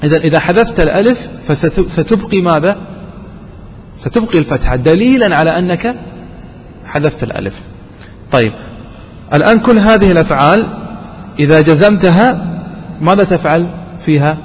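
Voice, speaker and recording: A man teaching a grammar lesson to students, asking them questions and repeating examples slowly and deliberately. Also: on the high side, animated. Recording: roomy hall, faint background noise.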